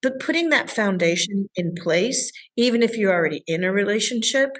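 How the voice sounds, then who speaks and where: Woman relationship coach, guest, upbeat and expressive, mid-pitched voice. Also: brisk. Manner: enthusiastic, acts out clients' voices. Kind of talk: interview answers.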